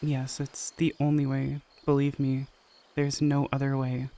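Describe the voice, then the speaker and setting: A man's voice: medium pitch, completely flat delivery, unhurried, dark tone, lightly acted. A man reading the lines of an earnest young male soldier who pleads with the woman he loves, in an audio story. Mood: pleading.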